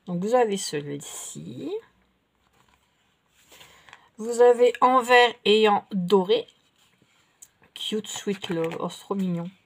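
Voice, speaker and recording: A middle-aged woman doing a casual show-and-tell haul of craft supplies, chatty and unhurried, often pausing to correct herself. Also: mid-range voice, gravelly, slight background noise. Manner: chatty and unhurried, many fillers and self-corrections. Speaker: vlogger showing craft purchases.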